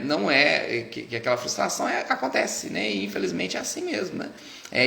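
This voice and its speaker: Brazilian doctor guy talking parenting, lots of "né?", raspy fry in his voice, roomy echo. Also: medium pitch, bright, forceful tone. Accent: Brazilian Portuguese. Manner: conversational, frequent tag questions and restarts. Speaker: pediatrician. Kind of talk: casual advice talk to parents. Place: doctor's office. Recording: echoey room.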